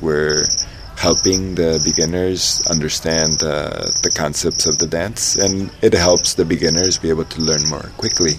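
Interviewee: very low-voiced man from Ecuador, thoughtful, lots of "uh", loud crickets around. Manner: thoughtful, many fillers and restarts. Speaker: interviewee, engineer and dance teacher. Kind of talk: casual interview. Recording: outdoor noise with loud crickets. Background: loud crickets and insects.

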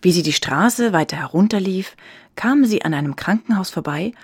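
A woman narrating a children's story in an expressive, soft storytelling manner. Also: lowish voice, moderate pace, husky, no echo.

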